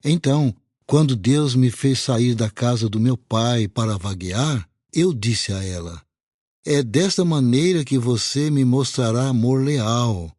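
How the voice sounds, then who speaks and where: A man's voice: mid-range voice, a little slow, a little mellow, no room sound, studio quality, close to an everyday voice. A man voicing an elderly patriarch earnestly explaining himself in a Bible audio reading.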